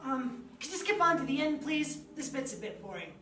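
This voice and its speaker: A man's voice: very high-pitched, moderate pace. An actor playing a childlike adult man who keeps eagerly interrupting a story to pester for his favourite parts, in a stage play. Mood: childish eager. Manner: excitable, wheedling, childish interruptions. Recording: echoey stage, far mic, faint music.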